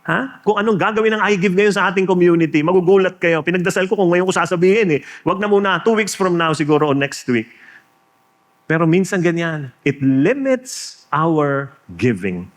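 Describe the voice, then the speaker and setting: A man's voice: high-pitched, normal speed. A man with a Filipino accent preaching a sermon in Tagalog and English, joking and quizzing his audience. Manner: animated, jokey, asks the crowd questions. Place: church or hall before a live audience.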